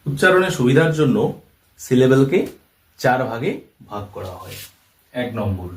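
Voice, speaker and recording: Male teacher giving a slow, repetitive lesson, recorded from a distance in a reverberant room. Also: medium pitch, sing-song. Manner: slow, step-by-step, repeats terms and examples. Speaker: English teacher. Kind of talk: classroom-style lesson explanation. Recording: roomy echo, voice from far off the mic.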